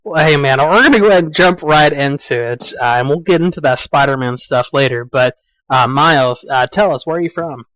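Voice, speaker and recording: A man co-hosts a podcast and leads the interview in an upbeat, friendly way. His voice sits fairly high, and the recording is dry and close. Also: a little fast, a bit bright, dry recording, poor audio. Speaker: co-host interviewer.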